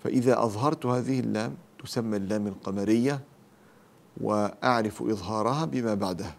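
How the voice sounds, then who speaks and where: A man teaching tajweed rules, explaining each rule and then slowly reciting the verse examples. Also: lowish voice, creaky.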